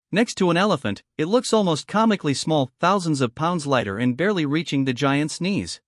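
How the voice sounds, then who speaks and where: Man narrating a nature documentary, fairly high-pitched. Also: a bit bright, dry recording, clean studio sound.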